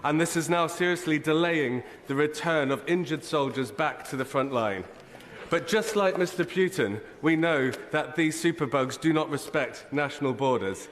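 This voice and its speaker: A man's voice: fairly high pitch, moderate pace, fairly bright tone. A man delivering a formal, prepared question as a member of parliament. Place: large indoor parliament chamber. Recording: reverberant chamber, faint noise.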